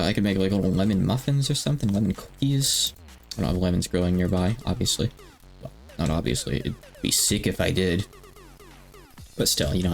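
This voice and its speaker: Gravelly-voiced man in his thirties rambling. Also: low voice. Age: 30s. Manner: rambling, self-deprecating, many fillers and restarts. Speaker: livestreamer. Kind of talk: casual stream chat.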